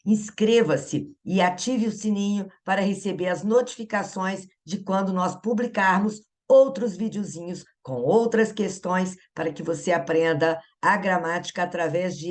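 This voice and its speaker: A woman's voice: mid-range voice, a little slow. A Brazilian woman teaching Portuguese grammar in an exam-prep lesson. She talks in a chatty way, asks the viewer questions and laughs at herself. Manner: upbeat viewer prompts.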